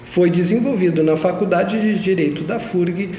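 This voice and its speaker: Young guy reading the podcast intro off a script, high soft voice, dull roomy sound. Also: normal speed, a little hiss or hum. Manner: reads a prepared text steadily. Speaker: co-host. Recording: echoey long-reverb lo-fi room.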